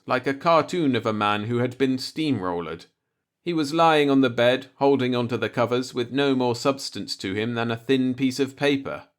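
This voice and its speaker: A man with a medium-pitched voice narrates a light-hearted short story as an audiobook, reading in a scripted storytelling style.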